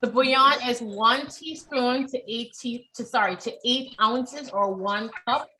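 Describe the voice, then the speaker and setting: A woman's voice: on the high side, a little slow, sharp tone, slight background noise, rough recording. A woman leading a live online cooking class, chatty and encouraging, often checking in with her students.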